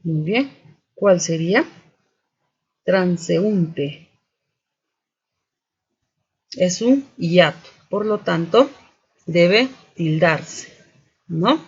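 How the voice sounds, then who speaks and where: Slow, methodical male teacher. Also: high voice, expressive, slightly rough. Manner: methodical, repeats "continuamos" and "muy bien". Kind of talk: spelling and accent lesson for students. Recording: dull lo-fi sound.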